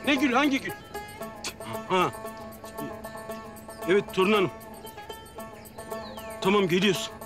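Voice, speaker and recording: An exasperated village father grumbles and scolds. His voice sits unusually high, and music plays behind him, as in a TV comedy. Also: animated, takes it slowly, pauses often. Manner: scolding, irritable. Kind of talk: TV comedy acting.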